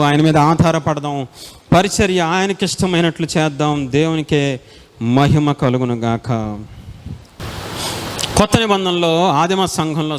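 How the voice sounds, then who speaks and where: A man preaching a sermon as a pastor, passionate and dramatic, swinging from soft pleading to loud outbursts. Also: fairly high pitch. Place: large indoor meeting hall. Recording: long hall reverb.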